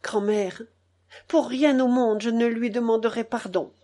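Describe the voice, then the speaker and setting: A woman's voice: on the high side, steady tone, measured pace, warm tone. A woman reading a proud young boy who stammers and chokes back tears. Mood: choked.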